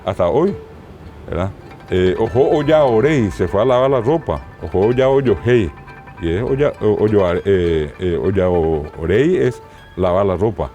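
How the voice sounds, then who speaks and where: A man with a Paraguayan Spanish accent, a linguist guest explaining place names in an interview, didactic and slow on each word. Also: low-pitched, animated, mellow, muffled recording, faint music behind.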